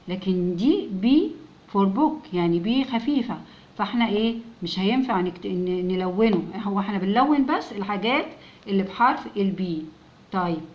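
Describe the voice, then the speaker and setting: A woman with an Egyptian Arabic accent teaching a children's English lesson, patiently repeating words slowly so the children can echo them. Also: mid-range voice, lo-fi sound.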